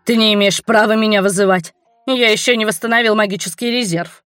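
A whiny, cowardly young noble who squeaks his excuses in a raised, petulant voice, as a woman reads him. The recording is dry and close. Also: fairly even intonation, a little fast, a bit bright, dry recording, soft background music, lightly acted. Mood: panicky. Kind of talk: audiobook character reading.

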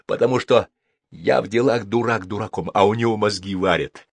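A man's voice: fairly low pitch, brisk, gravelly, breathy edge, no echo. A man voicing a hot-tempered older brother who speaks with bitter, scornful anger. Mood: angry bitter. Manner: angry, shouting, scornful.

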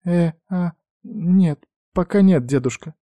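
A man voicing a shy, playful young red-haired girl with a high girlish voice, timid and sweet. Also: big pitch swings, moderate pace, warm tone, no echo. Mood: flustered.

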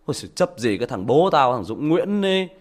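A man putting on a scornful shouting grown son. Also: mid-range voice, big pitch swings, fast, lightly acted. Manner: rude, shouting, contemptuous. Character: angry grown son mocking his father.

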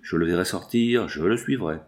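A man's voice: sits low, moderate pace, a little mellow, voice pushed down, lightly acted. A man voicing a resolute young woman giving firm, clipped orders in an audiobook reading.

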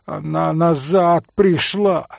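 A man reading an audiobook, voicing a desperate, hot-tempered young man who shouts and pleads urgently. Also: on the high side, fairly even intonation, slow pace, vocal fry, no room sound, clean studio sound, voice pushed up, heavily acted. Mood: furious.

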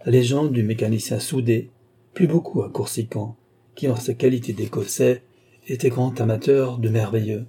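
A man narrating a classic novel as an audiobook. His reading is measured and deliberate, his voice very dark and mellow with a breathy, husky edge. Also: mid-range voice, fairly even intonation. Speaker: audiobook reader. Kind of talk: literary narration.

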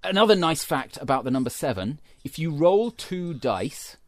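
A man's voice: a little high, very animated, normal speed, no echo. A man co-hosting a casual chat, wry and a little hesitant, with frequent fillers. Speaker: podcast co-host.

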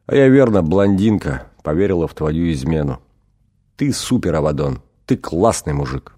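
A man's voice: a bass voice, animated, normal speed, mellow. A man voicing an emotional young woman, a bride, tearful and gushing, in an audiobook reading.

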